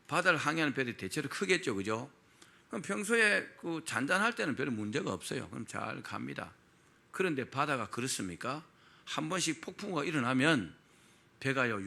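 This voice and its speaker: Gravelly, lively male pastor preaching. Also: mid-range voice. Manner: storytelling with frequent rhetorical questions to the congregation. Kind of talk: sermon.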